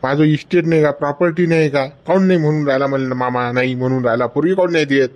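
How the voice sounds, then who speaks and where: A man plays a hot-headed young farmer from a village. His voice sits a little high, and his words come loud, fast and quarrelsome. He keeps pushing with a challenging "huh?". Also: steady tone, close to an everyday voice. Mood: aggrieved. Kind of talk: village comedy skit.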